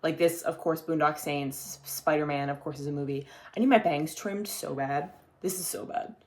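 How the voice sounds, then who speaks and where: A man's voice: fairly high pitch, fairly even intonation, normal speed. A young man hosting his own video podcast, chatting casually to a camera in a rambling way and swearing now and then. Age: young adult. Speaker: podcast host. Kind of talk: casual solo video chat. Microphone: talking to a camera.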